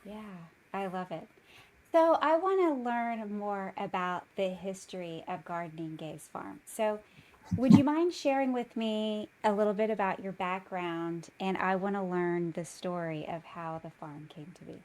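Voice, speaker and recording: A woman's voice: medium pitch, lively intonation, measured pace, a little mellow. Enthusiastic podcast host woman. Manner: enthusiastic, affirming. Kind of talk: podcast interview.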